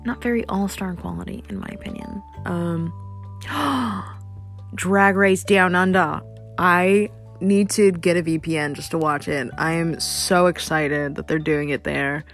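A woman's voice: deep voice, fairly even intonation, normal speed, gravelly, hardly any pauses, faint music behind. A young woman hosting a casual solo podcast, rambling with lots of fillers and casual swearing. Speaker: podcast host.

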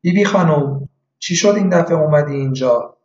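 A man doing a calm hospital doctor. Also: fairly high pitch, close to an everyday voice. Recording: echoey room, dull lo-fi.

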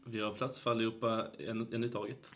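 A man's voice: on the low side, level tone. A man with a Blekinge accent chatting casually and jokingly as a podcast co-host.

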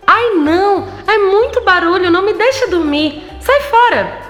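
A woman voicing an excitable little female cockroach in a children's story, with a dramatic, exclaiming delivery. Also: very high-pitched, measured pace. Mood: startled, indignant. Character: animated little female cockroach seeking a husband, easily startled. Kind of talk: children's audio story acting. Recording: echoey, long reverb, music behind.

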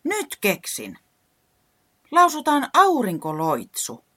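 A woman voicing an eager, cheerful young fox in a children's story, chirpy and quick with ideas. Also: lowish voice, huge pitch swings, a bit bright, husky, no room sound, clean studio sound, voice pushed up, heavily acted. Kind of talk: storybook character voice.

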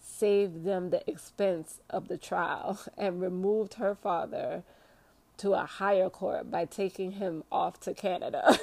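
A woman reads a history book aloud at an unhurried pace, stopping for eager, casual comments to her listeners. Her voice sits low and mellow and now and then trips over a hard word. The sound is close and dry. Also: creaky, no echo. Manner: excitable, chatty, stumbles over hard words. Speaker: podcast host reading a history book aloud. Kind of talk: reading aloud with casual asides.

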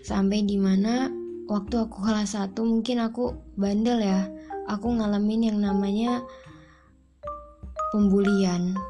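A young woman chatting casually about her own life, with drawn-out fillers, often quoting herself, while music plays underneath. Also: medium pitch. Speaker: vlogger. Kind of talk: casual personal storytelling.

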